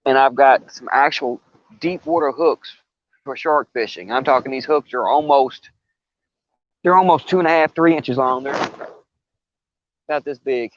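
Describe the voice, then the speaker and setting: An older man livestreams his fishing from a riverbank outdoors, chatting casually and spinning rambling, folksy stories full of stumbles and restarts. His voice is medium-pitched and moderately paced, with frequent pauses. The audio sounds dull.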